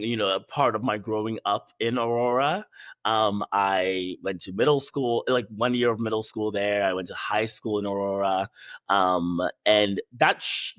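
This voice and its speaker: Laughing young actor from Ghana. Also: male voice, on the low side, no echo, studio quality. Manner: laughs often, relaxed, restarts. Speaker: actor, guest. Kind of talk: casual interview chat.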